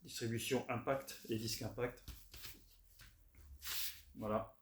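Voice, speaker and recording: A man's voice: mid-range voice, takes it slowly. Chatty man in an echoey room. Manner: relaxed and chatty, hesitant with many fillers. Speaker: record collector showing his finds. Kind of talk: casual unboxing chat. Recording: roomy echo, faint noise.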